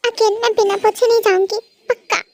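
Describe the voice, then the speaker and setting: A woman's voice: extremely high pitch, flat delivery, brisk, no room sound, studio quality. Woman as a scared, pleading young wife. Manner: tearful, pleading, stammering. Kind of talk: amateur fan dub.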